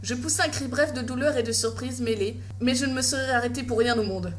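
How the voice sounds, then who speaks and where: A woman with a fairly high voice narrates a first-person creepypasta. She reads from a script as the storyteller. There is a faint noise behind her voice. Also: fast talker.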